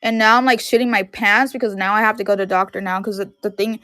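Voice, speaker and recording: A woman in her thirties livestreams from her room at home, chatting casually and rambling with "like" in nearly every phrase. Her mid-range voice is fast, pushed and bright, with fairly even intonation. The studio-clean sound has no room echo.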